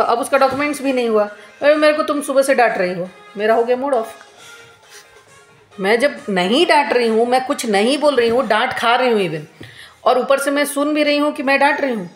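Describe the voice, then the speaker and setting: A woman's voice: fairly high pitch, echoey room. A woman in her thirties venting to camera at home, complaining in an aggrieved, repetitive way. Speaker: vlogger.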